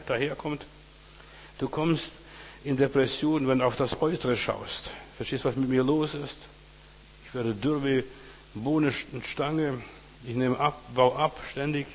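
A man's voice: medium pitch, slight background noise. Man preaching in a reverberant hall. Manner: direct address with frequent 'weißt du', dramatic scripture readings. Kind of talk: sermon.

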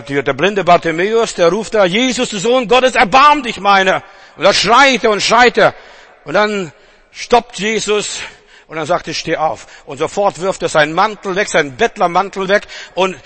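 A middle-aged male preacher delivering a sermon, emphatic and repetitive, swinging between loud proclamations and quiet, intense passages. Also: high-pitched.

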